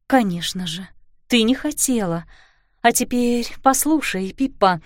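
A steady stepmother, as a woman reader puts her on, coaxing and then insisting, her voice lifted a little above the reader's own. The sound is dry and close, like a storybook reading. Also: fairly high pitch, unhurried, no echo. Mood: soothing. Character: firm, soothing young stepmother.

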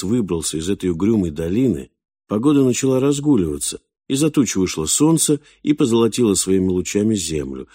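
Low, dark-voiced male audiobook narrator. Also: no echo, studio quality. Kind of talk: scripted narration of a science fiction novel.

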